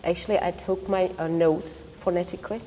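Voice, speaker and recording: A woman whose native language is Vietnamese, speaking with a Czech accent, talks thoughtfully as a panel discussion guest, often repeating words while searching for them. Her lowish, warm voice is a little fast with fairly even intonation. There's a little hiss or hum and long hall reverb.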